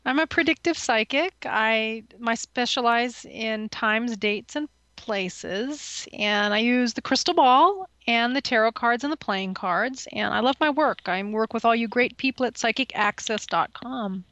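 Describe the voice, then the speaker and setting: A woman, a psychic guest, chatting in a friendly, slightly halting way. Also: fairly high pitch, a bit bright, no echo. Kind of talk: casual chat.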